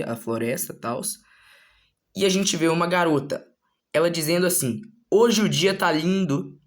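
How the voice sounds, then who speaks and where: A man casually retelling the story of his own manga, relaxed and slangy, with frequent filler tags. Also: a little high. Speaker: manga author.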